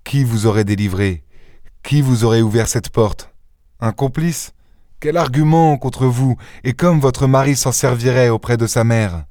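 Audiobook role: man reading a commanding gentleman protector, firm and measured, dry booth sound. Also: medium pitch, no echo, natural voice.

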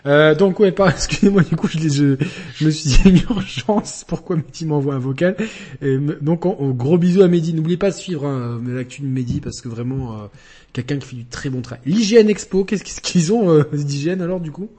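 A man hosting a casual gaming podcast, animated and joking, with quick asides. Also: a little high, husky. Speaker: podcast host.

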